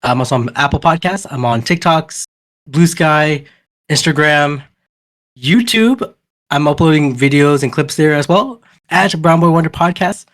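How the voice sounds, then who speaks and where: A man's voice: a little high, a little slow, a bit bright. A man hosting a podcast in casual group chat, loose and jokey, often stumbling over his words. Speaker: podcast host.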